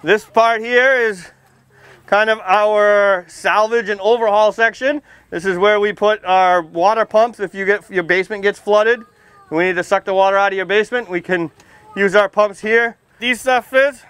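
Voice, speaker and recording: A middle-aged American firefighter shows young children around outdoors, under a tent beside a fire truck, in an informal, folksy delivery full of simple questions. His projecting voice is high, clean and a bit bright, at a moderate pace, and the sound is dry with no echo.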